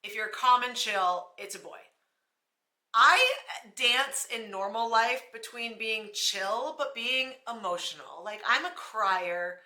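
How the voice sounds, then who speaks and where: A woman's voice: fairly high pitch, slow pace, sharp tone. Chatty pregnant woman in an echoey room. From Canada. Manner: chatty, self-deprecating, laughs often. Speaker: vlogger. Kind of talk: casual talk to camera.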